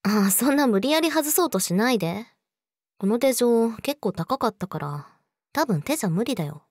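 A woman's voice: on the high side, lively intonation, normal speed, a little mellow, no echo, studio quality. A woman playing a young, clingy yandere girlfriend in an intimate audio drama, sweet and eerily obsessive, coaxing the listener. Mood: possessive, pleading.

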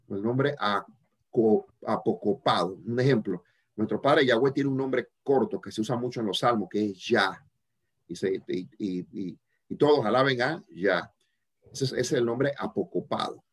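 A man leads an online religious study and answers viewers' questions. He talks in a halting way, full of fillers and restarts. His voice sits at a middle pitch.

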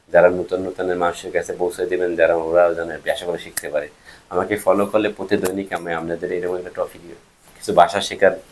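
A man giving a casual spoken language lesson, repeating each word slowly and checking that viewers are writing it down. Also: deep voice. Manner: repeats words slowly for learners, asks if they are writing. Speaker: language teacher vlogger.

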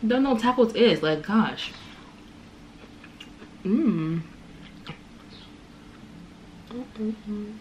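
A woman's voice: mid-range voice, lively intonation, extremely slow, pauses often, poor audio. Young woman vlogging in her kitchen, talks between bites, camera up close, faint room hum. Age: young adult. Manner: chatty, eats on camera between remarks. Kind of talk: casual chat while eating. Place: home kitchen, indoors. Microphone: camera on table at close range.

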